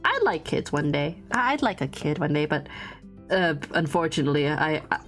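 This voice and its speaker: A young woman from a Vietnamese family, born outside Vietnam, streams while drawing and chats casually with viewers, giggling and rambling with lots of restarts and fillers. Her deep, sing-song voice has a fairly bright tone and a normal speed, with soft music in the background.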